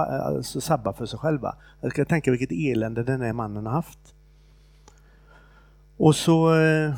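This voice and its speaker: A man giving an informal sermon, retelling a Bible story in a conversational, halting way with fillers and restarts. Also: medium pitch, gravelly, a little mellow, dry recording. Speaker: preacher.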